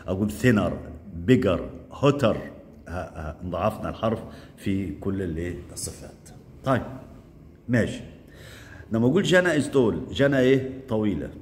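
A man teaching English grammar in Egyptian Arabic. He asks quick questions and answers them himself, and he drills the word forms aloud. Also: medium pitch, big-room sound, a little hiss or hum. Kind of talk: classroom grammar lesson.

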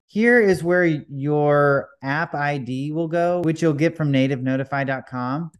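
A man hosting a coding tutorial, talking casually over a screen recording with frequent fillers. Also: fairly high pitch. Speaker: developer tutorial host. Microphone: voice-over on a desktop screen recording.

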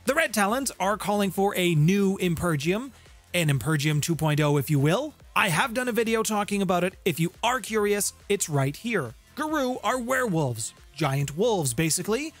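A very animated man in his thirties, high-pitched and a bit bright, talks at normal speed in an emphatic, semi-scripted explainer to camera for his tabletop game lore channel, lengthening important words. Background music plays under him, captured by a close, shielded studio condenser mic in a small home music room.

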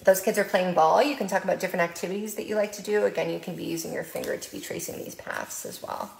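A woman's voice: on the low side, very animated, fast talker, vocal fry, darkish tone, a little hiss or hum. Playful librarian woman with American accent. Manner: playful sing-song when reading, with animal sounds. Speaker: children's librarian. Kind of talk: storytime reading and early literacy tips. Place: library room. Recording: echoey room.

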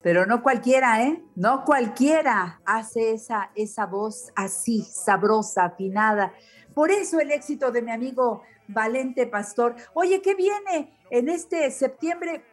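A woman's voice: a little high, animated, slow pace, soft background music. A woman with a Mexican accent hosting a radio interview, effusive and affectionate, full of exclamations. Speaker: radio show host.

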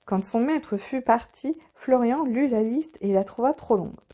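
A woman reads a children's storybook aloud, gentle and expressive. Her voice sits a little high but sounds soft and mellow rather than bright. The pacing suits a bedtime tale. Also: a little slow. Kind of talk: children's audiobook narration.

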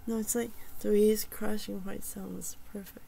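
A woman talks casually and hesitantly about a poem, her words full of fillers and repeated starts. Her voice is heavily creaky and gravelly, with a middling pitch. She often sinks into a soft near whisper. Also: level tone, a little slow, slight background noise, rough recording.

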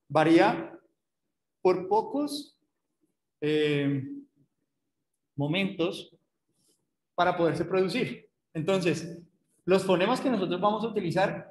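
A man's voice: on the high side, echoey room, a little hiss or hum, rough recording. A man giving an online lecture, explaining step by step and putting rhetorical questions to his students.

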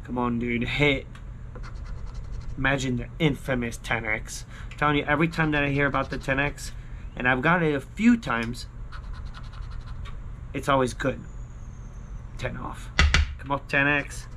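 Outdoors by his backyard pool and screened poolside patio, a scratch-ticket vlogger in his thirties talks a little slowly at medium pitch, pausing often. His tone is sharp and there's slight background noise. He stays casual and slangy, repeating short catchphrases for his viewers.

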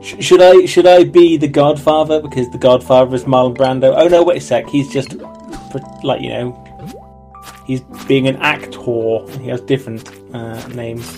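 A man's voice: medium pitch, steady tone, moderate pace, vocal fry, darkish tone, faint music behind. A man streaming a video game, chatting in a joking, teasing way and often restarting his sentences. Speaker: let's play streamer. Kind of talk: casual gameplay chat.

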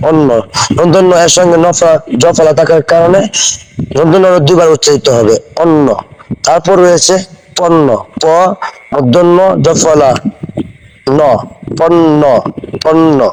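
A man giving a slow spelling lesson, repeating each word and asking if the viewer understood. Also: on the high side, darkish tone. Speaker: teacher. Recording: long hall reverb.

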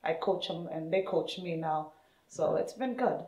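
A woman from Somalia telling her personal story in an interview, animated, acting out other people's words in a higher voice. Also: moderate pace. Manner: animated, acts out quoted speech with rising pitch. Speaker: interviewee, hockey parent and player. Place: indoors in a room with equipment shelves. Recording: roomy, echoey indoor sound.

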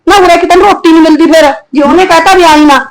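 A woman's voice: very high voice, fairly even intonation, fast, poor audio. An actress playing a fiery, scolding mother with a Punjabi accent who curses her daughter's in-laws. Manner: abusive, fiercely protective, scolding.

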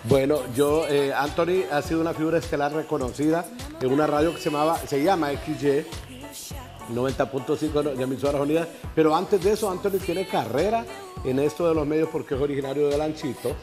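A man's voice: fairly high pitch, fast talker, music in the background. A middle-aged man, hosting a casual interview in a chatty, effusive way. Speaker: TV host. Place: TV set in a betting lounge.

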